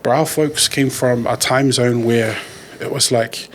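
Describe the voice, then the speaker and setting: A man talks things through in a candid, reflective way. His voice sits at a middle pitch, and he often circles back to find the right words. Faint background noise hums under the conversation. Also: steady tone, measured pace. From New Zealand. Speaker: podcast guest, community worker.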